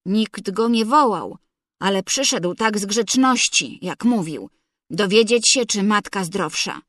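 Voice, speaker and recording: A woman reading a story aloud as narrator, in an unhurried, measured storytelling manner. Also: medium pitch, lively intonation, no room sound, studio quality. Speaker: audiobook reader. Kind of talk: literary narration.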